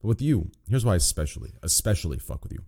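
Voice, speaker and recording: A man's voice: low-pitched, very animated, quick pace, creaky, dark tone, breathy edge. A young man livestreaming, chatting casually like a hyped gamer bro, with lots of slang and swearing. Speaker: live streamer.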